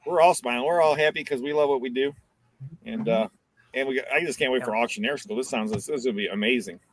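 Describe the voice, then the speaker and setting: A man's voice: medium pitch, quick pace, no room sound, poor audio. A man co-hosting a casual chat, joking and teasing the others and laughing often. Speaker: co-host.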